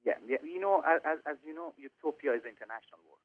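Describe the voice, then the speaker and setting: Halting Iranian-born man on a phone line. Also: fairly high pitch, lively intonation. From Iran. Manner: halting, many fillers and restarts. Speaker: film director. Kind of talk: interview over the phone.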